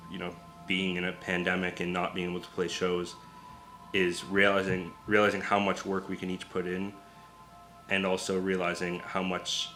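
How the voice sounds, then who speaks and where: A band member speaking in a low-key, matter-of-fact way in an interview. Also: male voice, a bit bright. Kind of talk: casual interview answer.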